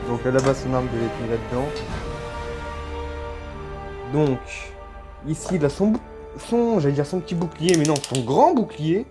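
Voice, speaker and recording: A man giving casual, excited unboxing commentary, gushing and exclaiming often with lots of slang, recorded on a phone. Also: fairly high pitch, moderate pace, long pauses, over music. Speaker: toy unboxing vlogger.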